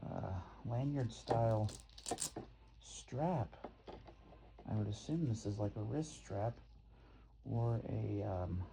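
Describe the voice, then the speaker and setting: This product reviewer mutters to himself and repeats words while thinking aloud in a casual unboxing vlog. His voice is fairly low and creaky, captured by a phone held in hand or set nearby on a noisy amateur recording.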